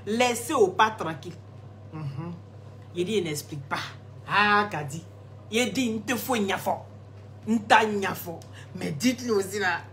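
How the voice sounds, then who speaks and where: A woman's voice: mid-range voice, a little slow, long pauses, a bit bright. A woman chats on a phone live stream, answering viewers' comments one after another in a loose, teasing way. She laughs often as she talks. A faint hiss sits under her voice. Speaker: live-stream host selling skin products.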